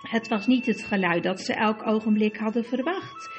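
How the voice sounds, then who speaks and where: A woman reading a storybook aloud in a measured way. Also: a little high, lo-fi sound, soft background music. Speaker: audiobook narrator. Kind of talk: storybook narration.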